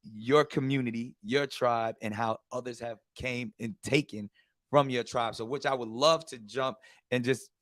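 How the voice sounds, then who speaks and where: Unhurried yet animated, this talk show host converses casually with his guest, frequently starting his sentences over. His medium-pitched voice comes through with studio quality and no room sound.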